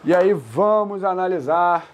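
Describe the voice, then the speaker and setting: A male Portuguese teacher leading an exam-prep grammar lesson, repeating key terms for emphasis and slowing down to stress rules. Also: sits high, expressive, slight background noise.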